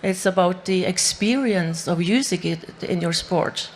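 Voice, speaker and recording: A woman's voice: on the low side, unhurried, slight background noise. A woman from Norway, a native Norwegian speaker, talking on a panel with many fillers and restarts. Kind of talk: panel discussion.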